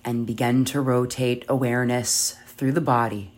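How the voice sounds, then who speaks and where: A meditation guide leads yoga nidra in a soft, soothing, measured voice, leaving long pauses. The pitch is medium and the tone steady.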